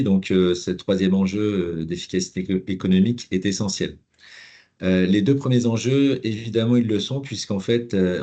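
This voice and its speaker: Man with a cracked voice, speaking haltingly. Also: lowish voice, mellow. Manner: halting, with repeated words and many hesitations. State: cracked, slightly broken voice. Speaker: airline captain and pilot recruitment manager. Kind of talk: hesitant explanatory presentation.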